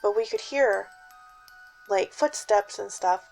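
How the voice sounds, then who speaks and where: Woman just casually telling a creepy story, dramatic n suspenseful, drops quiet then leans on words, bit of music under it. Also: mid-range voice, slow pace, vocal fry. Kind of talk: casual spoken personal scary-story telling.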